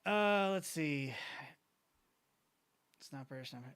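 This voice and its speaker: Male streamer, casual self-mocking chat, bright clean tone, faint wheeze. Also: on the high side, lively intonation, takes it slowly, clean tone. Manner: joking, self-mocking, rambling. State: slight wheeze. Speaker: streamer reacting to videos.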